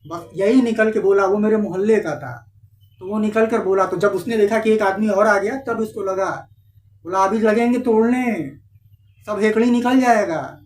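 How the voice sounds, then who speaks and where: A man's voice: high voice, fairly even intonation, moderate pace. A man vlogging in casual Hindi storytelling, talking straight to his viewers and retelling everyday quarrels. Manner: chatty, addresses viewers directly, retells arguments. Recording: roomy echo, distant mic, faint ambient noise.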